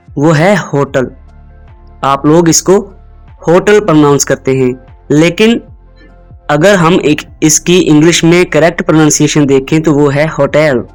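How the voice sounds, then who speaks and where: A man with a fairly high voice runs a pronunciation explainer, saying each word slowly several times over and asking viewers to echo him. The audio is poor, with faint music in the background.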